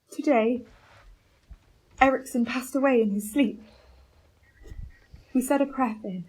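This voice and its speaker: In a radio play, a woman voices a starving, determined male expedition captain, reading his journal in a clipped, solemn, halting manner. Her voice is fairly high with a darkish tone, and the recording is rough.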